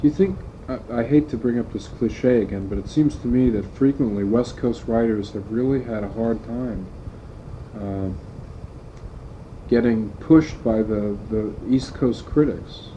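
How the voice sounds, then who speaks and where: A man's voice: mid-range voice, unhurried, mellow. A man asking questions as an interviewer in a conversational interview. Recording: dull lo-fi tape, faint noise.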